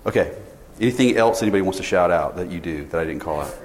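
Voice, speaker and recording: With a darkish, low-pitched voice, this man in his forties speaks expressively at a quick pace. He's a sales director giving a casual conference talk, frequently questioning the audience and starting his sentences over. His tethered mic records a reverberant session room with faint ambience.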